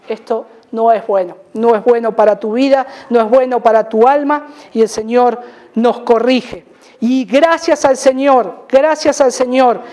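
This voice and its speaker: A middle-aged Argentine pastor delivers a sermon in an emphatic preaching manner. He hammers key phrases by repeating them. His voice swings widely in pitch and volume as he presses each point. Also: darkish tone. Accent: Argentine Spanish.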